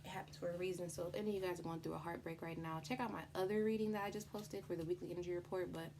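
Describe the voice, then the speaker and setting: Casting: woman, low creaky voice, casual tarot tutorial host, chatty and sweary, noisy home recording. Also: steady tone, rapid-fire. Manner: chatty, informal, swears freely. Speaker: tarot reader presenting a tutorial. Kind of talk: casual, unscripted explainer with slang.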